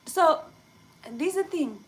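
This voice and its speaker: A young woman from Kenya chatting casually with viewers on a livestream, rambling excitedly with many fillers. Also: extremely high pitch, measured pace, low-quality recording. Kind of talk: casual live chat.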